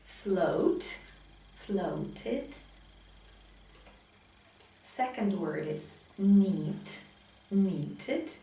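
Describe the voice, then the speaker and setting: An English teacher gives a pronunciation lesson in a small indoor classroom with a whiteboard, drilling example words very slowly and enunciating each with deliberate emphasis. Her mellow voice has lively intonation and big pitch swings. The room is heavily echoey and the mic is distant, so she sounds some way off.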